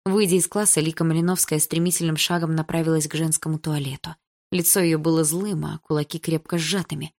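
A woman with a fairly low voice narrates a first-person novel. She reads in an even, measured way, keeping the story moving steadily. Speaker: audiobook narrator.

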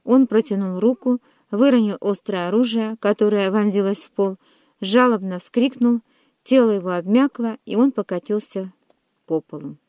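A woman narrates a classic historical adventure novel with dramatic, expressive delivery. Her voice sits at an ordinary middle pitch. The recording is dry and close, with no room echo. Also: normal speed. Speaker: audiobook narrator.

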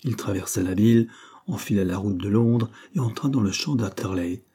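A man narrating a classic novel as an audiobook, reading in a steady, measured way. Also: on the low side, husky.

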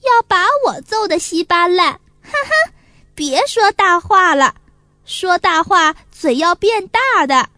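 A woman's voice: very high-pitched, lively intonation, measured pace, sharp tone, no room sound, clean studio sound, exaggerated voice. Woman voicing a teasing laughing toy. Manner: teasing, chuckling.

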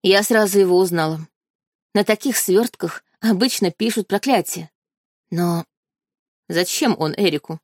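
A woman narrates a first-person fantasy tale in an even, measured reading voice. Her pitch sits in the middle, and the sound is close and dry with no room around it. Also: no room sound. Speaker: audiobook narrator.

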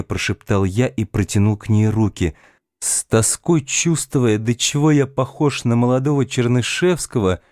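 A man reading a novel aloud in the first person, in a measured, calm literary narration. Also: medium pitch, dry recording, studio quality. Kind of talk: audiobook narration.

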